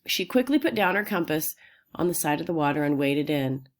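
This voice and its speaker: A woman reading a children's novel aloud in a steady, unhurried storytelling voice. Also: low voice. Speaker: audiobook reader.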